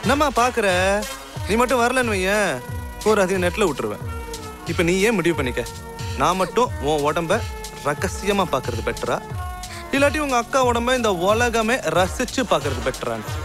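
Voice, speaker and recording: A man's voice: sits high, sing-song, moderate pace, long pauses. An actor playing a sleazy, boastful young male blackmailer who leers and threatens. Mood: menacing. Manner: boastful, leering, menacing. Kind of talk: Tamil film drama. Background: film score music.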